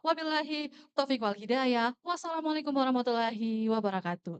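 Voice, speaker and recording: Woman emcee at a ballroom event, polite formal announcements on a mic, super clear voice. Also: sits high, expressive, a little fast, muffled recording.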